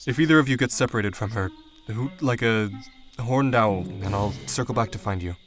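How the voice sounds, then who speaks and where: A man's voice: on the low side, moderate pace, soft background music, lightly acted. A man playing a protective tracker in an audio drama, dry and teasing but reassuring. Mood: planning. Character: wry, protective male tracker leading young companions.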